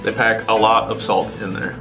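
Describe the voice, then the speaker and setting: A man's voice: lowish voice, level tone, moderate pace, creaky, music in the background. A man hosting a casual food review chat, conversational and putting questions to his co-host. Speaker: host of a snack review show.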